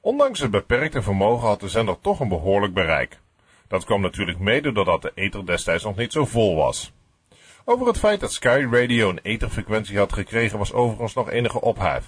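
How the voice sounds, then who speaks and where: A man with a lowish, husky voice narrates a scripted documentary podcast. His intonation is lively, moving freely up and down as he tells it. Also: fairly quick, no echo.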